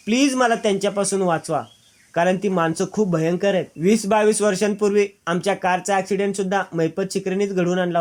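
A man's voice: high voice, natural voice. A man reading the lines of a frightened young woman confessing on video, pleading urgently.

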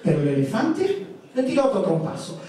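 Storyteller at a live event, bouncy melody, warm soft tone, echoey and far from the mic. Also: medium pitch, huge pitch swings, a little fast. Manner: playful, sing-song repetitions. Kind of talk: live folk tale telling.

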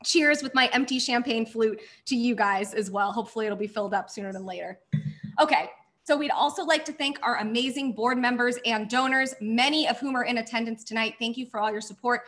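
A woman with a fairly high, fairly bright voice speaks briskly as host of a virtual charity gala. Reading scripted hosting lines, she thanks sponsors effusively even as her voice is giving out.

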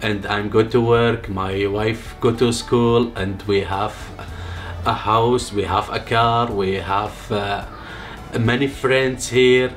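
Sitting on a living room couch, a man in his thirties from Syria gives a personal testimony as a refugee, his voice on the low side. His English is halting and Arabic-inflected, marked by a Syrian accent, soft delivery and frequent pauses, recorded on an off-camera mic in medium framing.

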